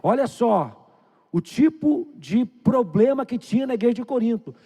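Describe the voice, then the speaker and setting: A man with a Brazilian Portuguese accent preaching a sermon to his congregation. He swings between loud, urgent bursts and hushed, low passages and asks the listeners questions directly. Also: big pitch swings, moderate pace, slightly rough. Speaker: pastor. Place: church sanctuary.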